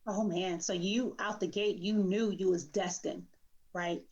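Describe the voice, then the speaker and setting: A woman's voice: mid-range voice, steady tone, measured pace, a little mellow, highs cut off. Casual affirming woman host. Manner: casual, affirming, frequent "right?". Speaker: interview host. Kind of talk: conversational interview.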